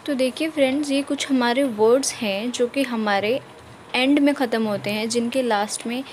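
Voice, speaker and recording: A fairly high-voiced woman talks viewers through a shorthand lesson over her screen, one step at a time. She checks in often to make sure they are following. A steady hiss runs under the recording. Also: normal speed, rough recording. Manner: patient step-by-step explaining with frequent check-ins. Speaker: shorthand teacher. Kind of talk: screen-recorded tutorial explanation.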